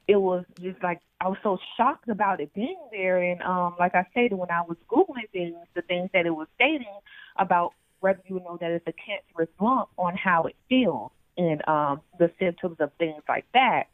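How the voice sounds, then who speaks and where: A woman's voice: fairly low pitch, normal speed, dry recording. A woman heard over the phone, telling her story as an interview guest in a hesitant way with many fillers. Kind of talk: personal story told in an interview. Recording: tinny phone line.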